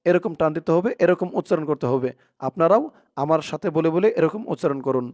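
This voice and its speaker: A man teaching Quran reading, sounding out each syllable, chanting verses slowly and explaining pronunciation rules in between. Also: fairly high pitch, a little mellow. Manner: drawn-out chanted recitation alternating with quick explanations. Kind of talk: slow spelled-out Quran reading lesson.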